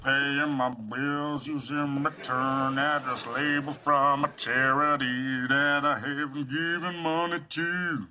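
A man's voice: sits high, lively intonation, measured pace, background noise. An actor playing a goofy young man who sings about his chores in a sitcom. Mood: playful. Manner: sing-song, playful. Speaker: sitcom character. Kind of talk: sitcom dialogue.

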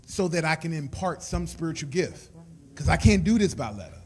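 A man's voice: fairly high pitch, expressive, a little fast. A man on a panel earnestly explaining and quoting scripture. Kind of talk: scripture commentary in a panel discussion.

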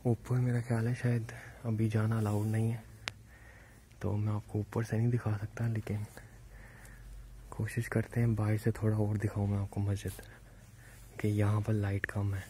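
Speaking from behind a handheld camera, a male vlogger from Pakistan casually guides viewers through a large mosque, mixing in English phrases. His voice is on the low side, dark and monotone, at normal speed with long pauses, over background music and slight background noise.

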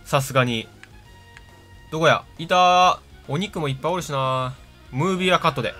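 A man with a Kansai accent casually commenting on his own gameplay, chatty and self-mocking, with loud reactions to the game. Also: fairly high pitch, brisk. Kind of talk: casual let's-play commentary. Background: game music.

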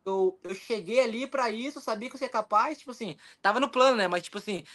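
A young jiu-jitsu athlete with a Brazilian Portuguese accent tells his story as a guest in a casual interview. His voice is high and he talks fast, rambling animatedly and acting out his own thoughts.

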